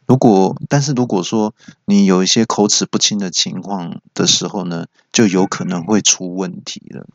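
A man's voice: low-pitched, no room sound. Man, comic storyteller podcast host, self-mocking, muffled dry recording. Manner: animated, self-mocking, quick anecdotes.

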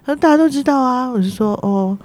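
A middle-aged woman with a Taiwanese Mandarin accent, a nursing director guesting on a podcast, telling lively stories, acting out dialogue and laughing often. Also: high-pitched, quick pace. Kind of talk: podcast interview.

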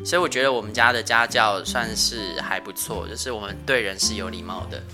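A male podcast host with a soft, thin voice, chatting casually and laughing often with light self-mockery. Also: fairly low pitch, brisk, music in the background. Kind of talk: casual family chat.

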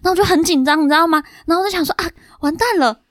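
Fast, high-voiced Taiwanese woman storyteller. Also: dry recording, clean studio sound. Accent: Taiwanese Mandarin. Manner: animated, rambling with many fillers. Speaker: podcast guest. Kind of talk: casual chat, storytelling.

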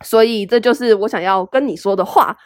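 A young woman with a Taiwanese Mandarin accent hosts a solo podcast giving casual advice, chatty and self-deprecating and full of fillers. Her mid-range voice moves fairly quickly, recorded at studio quality with no echo.

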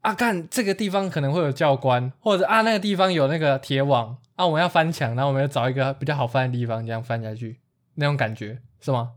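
A man's voice: mid-range voice, fast. A man co-hosting a casual podcast, chiming in with jokey comparisons. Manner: chatty listener, jokey comparisons. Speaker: podcast co-host. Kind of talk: casual chat.

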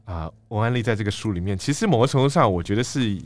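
A deep, low-pitched man with a Taiwanese Mandarin accent talks through ideas as an interview guest. He is measured and thoughtful and pads his sentences with "ah" fillers. The sound is close and dry, with no room around it. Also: animated, no room sound. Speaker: guest, book editor-in-chief. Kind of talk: explanatory interview talk.

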